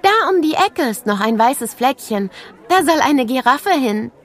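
Woman putting on a chirpy high little school girl, eager tour guide, storybook. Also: expressive, a little slow. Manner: eager, bright and bubbly. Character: chatty cheerful schoolgirl guide, third grader.

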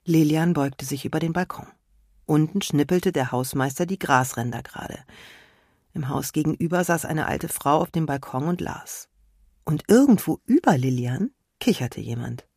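A woman with a low, slightly husky voice reads a children's story aloud with lively expression. The sound is close and dry. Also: no room sound.

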